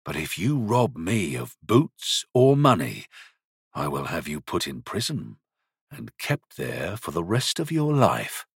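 A man voicing a small, round, stern shop master who speaks quietly, gently but sternly, with calm threats and a dry whisper. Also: extremely low pitch, measured pace, husky, no room sound, pitched below the performer's own voice, full character voice. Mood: menacing.

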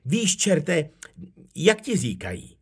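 A man's voice: a little high, huge pitch swings, breathy edge, pitched above the performer's own voice, full character voice. A man voicing a polite, friendly small male elf explaining himself in a storybook.

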